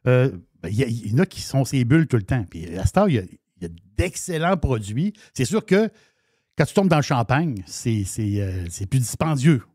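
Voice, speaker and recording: A man's voice: medium pitch, very animated, normal speed, warm tone, breathy edge, no room sound, studio quality. A man with a Québécois French accent, speaking as a wine columnist in casual radio chat, restarting and repeating words as he talks.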